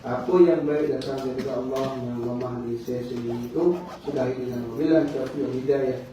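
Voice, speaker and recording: Speaking fairly quickly at medium pitch with a steady tone, this male teacher has a Malaysian Malay accent from Negeri Sembilan. His mosque hall lecture mixes storytelling, acted-out dialogue, and checks with the crowd like "kan?". The background is noisy, and the room sounds echoey, distant, and dull.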